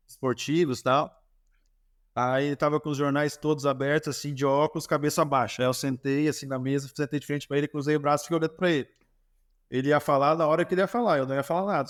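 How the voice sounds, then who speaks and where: A Brazilian man, a former goalkeeper, telling anecdotes in a casual interview, with many restarts and self-corrections. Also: a little high.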